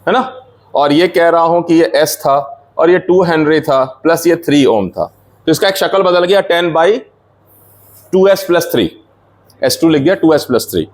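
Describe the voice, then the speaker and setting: Man with a fairly high voice, lecturing a class. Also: animated, normal speed. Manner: explains step by step, questions students, mixes in English terms. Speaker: engineering lecturer.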